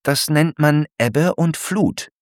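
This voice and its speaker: A man voicing a patient, knowledgeable male zebra who gently explains things to his friend in a storybook. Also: fairly high pitch, takes it slowly, no room sound, studio quality, voice pushed up. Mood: explaining. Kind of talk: storybook character voice.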